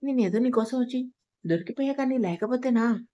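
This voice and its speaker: Curt gangster husband, young, blunt, flat matter-of-fact lines, storybook read by a woman. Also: on the high side, moderate pace, highs cut off, lightly acted.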